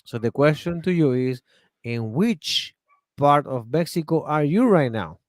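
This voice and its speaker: A man with a Chilean accent leads an online English class over a video call, upbeat and encouraging, slowing down so learners can follow. His voice sits a little higher than most men's. The recording is dry and close, with no room echo. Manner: animated, encouraging, slow and clear for learners. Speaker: English teacher.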